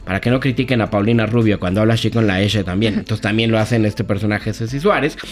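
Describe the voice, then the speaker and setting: A man with a Mexican accent and a lowish voice reviews things as a talk-show critic, talking quickly. He tells the plots like gossip, colloquial and full of slang.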